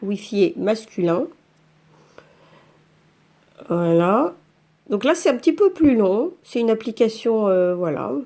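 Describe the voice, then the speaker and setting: A woman's voice: mid-range voice, sing-song, mellow. A woman teaching French learners, patiently talking through each step of using a phone app. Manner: slow, patient, narrates each tap aloud. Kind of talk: screen-by-screen app tutorial for learners.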